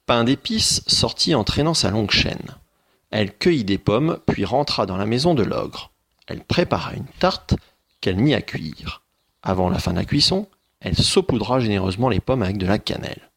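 A low-voiced male teacher reading a storybook aloud, slow and expressive. His voice is husky and gravelly, with a creaky edge. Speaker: schoolteacher.

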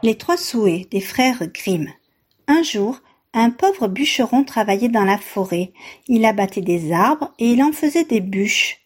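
A woman hosting a youth literature program, reading a tale aloud in a clear, measured storytelling voice. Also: fairly high pitch, expressive, soft background music. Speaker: radio program host and reader. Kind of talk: scripted narration of a tale and book review.

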